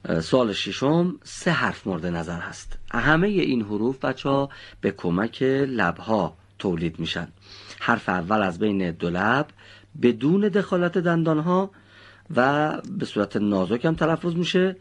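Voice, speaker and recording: A man with a mid-range voice and big swings in pitch teaches children to pronounce the letters of Quran recitation. He explains with patience and precision, praising his students often.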